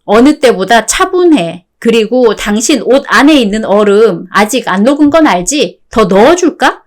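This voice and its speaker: A synthetic woman's voice playing a fed-up wife, calm, sarcastic, firm, radio-drama style, slightly high voice. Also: normal speed. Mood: cutting. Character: fed-up wife, cool and cutting.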